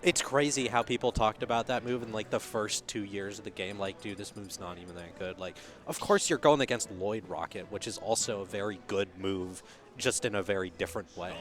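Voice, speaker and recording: A man's voice: fairly low pitch, fairly quick, fairly bright tone. A man giving casual, chatty commentary on a fighting game match, full of fillers and restarts. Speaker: esports commentator.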